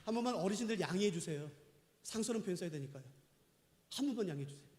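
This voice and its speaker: A man's voice: high-pitched, expressive, very fast, a little mellow. A middle-aged male pastor preaching a sermon, emphatic and questioning the congregation. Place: church sanctuary. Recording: echoey church hall.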